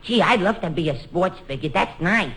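A man doing shrill, whiny, childlike comedy as co-host of a 1950s radio comedy show. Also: lively intonation, normal speed, fairly bright tone, poor audio.

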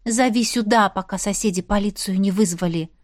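A woman voicing a blunt, sharp-tongued young woman friend with a nasal voice. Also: mid-range voice, fairly quick, no echo, studio quality, natural voice. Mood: exasperated.

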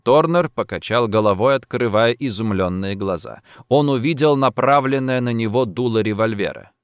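A man narrating a thriller audiobook in an expressive storytelling manner. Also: mid-range voice, moderate pace, clear, resonant tone, no room sound, studio quality.

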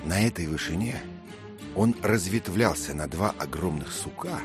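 A man reading an adventure novel aloud in steady, measured scripted narration. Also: deep voice, music in the background. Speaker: audiobook reader.

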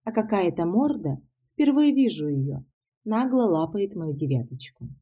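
Audiobook narrator, female, low and husky, steady matter-of-fact delivery. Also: moderate pace, muffled recording. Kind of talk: first-person audiobook narration.

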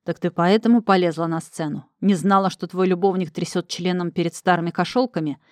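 A woman voicing a brawny, hot-tempered man who scolds roughly, in an audiobook reading. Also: fairly low pitch, fairly even intonation, a little fast, darkish tone, no room sound, studio quality, lightly acted. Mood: gruff.

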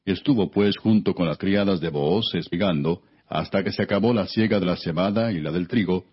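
A man narrating scripture as an audiobook in a solemn, measured reading style. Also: low voice, slightly rough. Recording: dull, muffled lo-fi recording.

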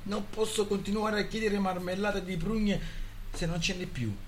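A man's voice: sits high, steady tone, normal speed, slight background noise, pitched above the performer's own voice, close to an everyday voice. A man doing a frantic condemned husband. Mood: weary. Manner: pleading, exasperated, outbursts.

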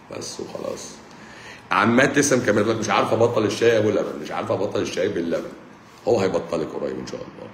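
A man with an Egyptian accent answers viewers' questions on a live stream as a doctor. He teases and jokes in a very low voice and rattles along quickly. The room around him echoes, with a faint hum behind. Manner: joking, teasing, brisk. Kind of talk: casual live-stream Q&A reading comments. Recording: roomy echo, faint background hum.

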